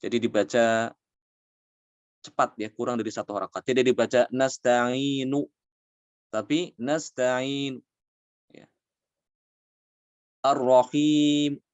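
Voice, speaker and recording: Male recitation teacher, measured and explanatory, with drawn-out demonstrations; dry, muffled recording. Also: mid-range voice, fairly even intonation, no echo. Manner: explains patiently, often adding "ya"; slows down to demonstrate recited words. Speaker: tajwid teacher. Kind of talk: Quran recitation lesson.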